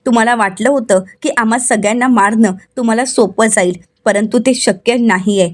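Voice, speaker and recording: A stern young man speaking slowly and coldly as he exposes a plot, read out by a woman. The voice stays a little high. He sounds controlled and accusing. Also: close to an everyday voice.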